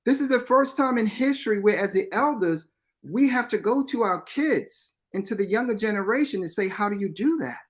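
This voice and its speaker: A man's voice: high voice, animated, fairly quick. A man in his fifties, a guest on a radio talk show, explaining his views earnestly and repeating key points for emphasis. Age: 50s.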